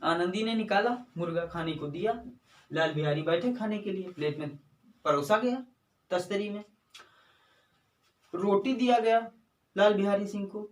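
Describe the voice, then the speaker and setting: A man teaching exam students, his voice sitting a bit high for a man. He talks through the material slowly and in a repetitive way, going back to fix his own slips. He is heard from a distance in a roomy, echoing space. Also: expressive. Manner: repetitive, self-correcting explanation. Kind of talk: retelling a story summary for exam preparation.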